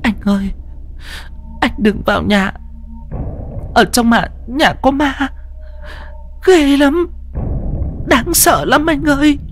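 A man voicing a terrified young wife in an audiobook, stammering and tearfully pleading in a raised, high-pitched voice. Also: measured pace, pauses often, faint music behind.

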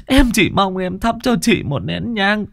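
A man's voice: high voice, big pitch swings, unhurried, creaky, a bit bright, dry recording, studio quality, pitched above the performer's own voice, heavily acted. A man voicing a sobbing, begging middle-aged woman. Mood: pleading. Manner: begging, tearful, quavering.

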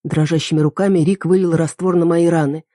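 A woman's voice: low-pitched, steady tone, a little fast, dark tone, no echo, clean studio sound. A woman narrating a first-person story dramatically as an audiobook reader.

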